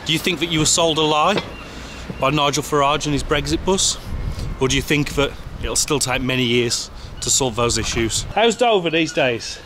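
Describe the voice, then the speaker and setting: A man's voice: fairly high pitch, moderate pace, a crowd in the background. A man hosting a travel vlog, narrating and chatting with people on the street in a friendly way. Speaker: travel vlogger and host. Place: outdoors on town streets. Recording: outdoor street noise with traffic.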